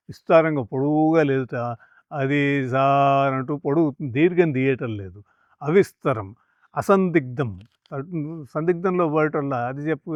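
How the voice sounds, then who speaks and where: A man giving a calm, measured lecture that explains scripture, chanting the verses slowly. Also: medium pitch, no echo. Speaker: spiritual teacher.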